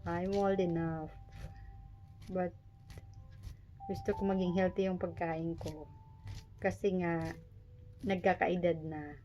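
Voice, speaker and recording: Unhurried Filipino woman with missing front teeth. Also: on the low side, level tone, mellow, soft background music. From Philippines. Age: 40s. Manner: jokey, self-deprecating. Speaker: vlogger. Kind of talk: casual chat to camera while preparing food. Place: small private room.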